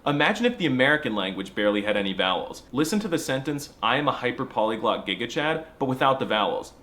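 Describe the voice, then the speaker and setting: A man's voice: medium pitch, very animated, fast talker, a bit bright. A man narrating a scripted comedy video with sarcastic, mock-serious jokes. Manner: slips into mock accents.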